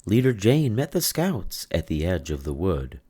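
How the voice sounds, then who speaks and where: Very deep, slow storybook narrator. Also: sing-song, dark tone, husky. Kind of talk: scripted children's storybook narration.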